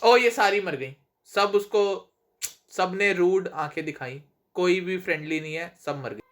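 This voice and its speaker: A young man in casual live movie commentary, excitable and swearing, whose voice goes thin and high when excited. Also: a little slow. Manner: excitable, swears often, laughs a lot. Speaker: movie reaction host.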